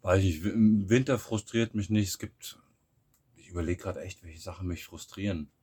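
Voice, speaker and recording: A man from Germany co-hosting a podcast in casual chat, relaxed and musing, often restarting his sentences. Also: low voice, moderate pace, slightly rough. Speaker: podcast co-host.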